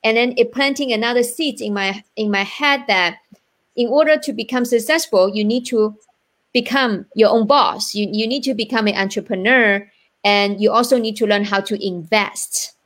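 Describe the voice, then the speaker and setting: A woman's voice: a little high, normal speed, a bit bright. A woman from China with a Chinese accent, speaking earnestly as a guest entrepreneur on a live online interview show, often checking in with "right?".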